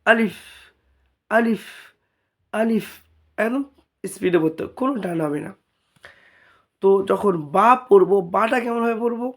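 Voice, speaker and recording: A man from India with a Bengali accent and a high voice teaches Arabic letters in a slow spoken lesson, repeating each sound several times.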